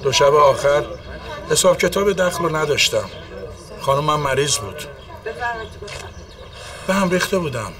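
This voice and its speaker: A man's voice: fairly high pitch, animated, long pauses, recorded from a distance, a crowd in the background, lightly acted. An actor playing a troubled shopkeeper who earnestly explains his lost money.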